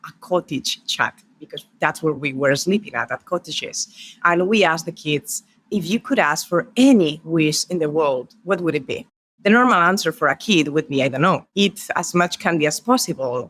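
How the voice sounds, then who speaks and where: Spanish-accented woman, podcast guest. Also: sits low. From Spain. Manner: warm storytelling, counts off her points. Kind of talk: podcast interview.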